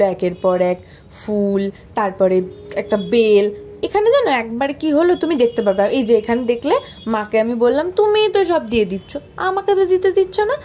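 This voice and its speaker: A woman's voice: fairly high pitch, mellow, a little hiss or hum. A young woman narrating her own vlog in a chatty, playful, self-mocking voice-over. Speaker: vlogger.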